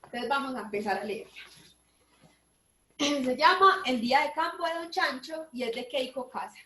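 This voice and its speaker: A woman teacher leading an online workshop, reading a picture book aloud with lively expression and asking her listeners questions. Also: sits high, moderate pace, reverberant. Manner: expressive storybook reading, asks the audience questions.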